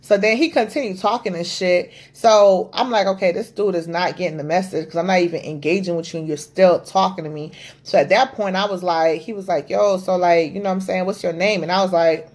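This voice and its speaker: A woman's voice: on the low side, fairly quick, a little mellow. Blunt, profane young woman telling a story. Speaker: podcast host.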